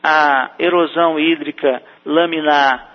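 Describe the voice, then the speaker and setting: A man, an agricultural researcher, explaining in an interview, listing points with pauses. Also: a little high, steady tone. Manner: explanatory, lists items with pauses. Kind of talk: interview answers. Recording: tinny phone-like line with reverb.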